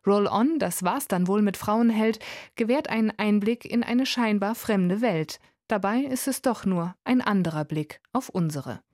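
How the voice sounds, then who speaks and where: A woman reading a scripted radio book review in a calm, measured way. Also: medium pitch, no echo, studio quality. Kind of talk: scripted narration.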